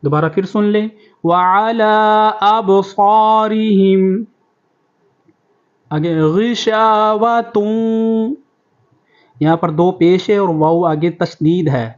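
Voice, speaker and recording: A man with a fairly high voice leads a Quran recitation lesson. He draws out each verse in a slow recitation, then drops into quick, plain explanations of the rules. The audio sounds dull and lo-fi.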